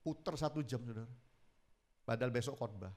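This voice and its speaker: A man preaching a sermon, telling stories with dramatic swings between loud exclamations and low murmurs. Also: brisk. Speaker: pastor. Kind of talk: sermon with storytelling.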